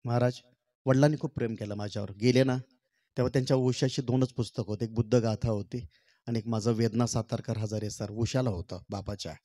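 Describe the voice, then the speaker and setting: A middle-aged man performing poems on stage. He sings slow, drawn-out refrains and then talks casually with the audience. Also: mid-range voice, steady tone, no room sound, studio quality. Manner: sings poem refrains slowly and loudly, then talks warmly and chattily to the crowd. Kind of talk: stage poetry recital with talk to the crowd. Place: stage at a public event.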